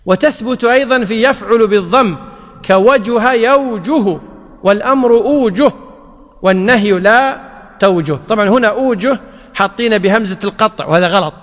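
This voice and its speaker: A man with a fairly high voice leads a grammar lesson. He explains each rule step by step and asks rhetorical questions that he answers himself. His voice trails off into a long reverb. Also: brisk, a bit bright. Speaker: Arabic grammar teacher. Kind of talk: classroom lesson.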